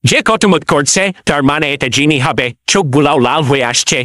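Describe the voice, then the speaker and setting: Cartoon trickster mullah, male actor: highish, bright forceful voice, playful, boastful, wheedling. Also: normal speed, dry recording, clean studio sound, close to an everyday voice. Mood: wary, joking. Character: cheeky, self-assured male folk trickster mullah.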